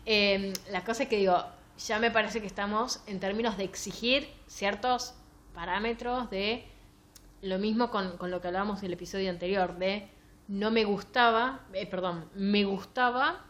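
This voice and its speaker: A woman's voice: mid-range voice, normal speed, slight background noise. A woman with a Rioplatense Spanish accent co-hosting a podcast, chatting casually and sarcastically about books. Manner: sarcastic, animated, reads passages aloud mockingly. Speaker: podcast co-host. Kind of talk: casual book-review chat.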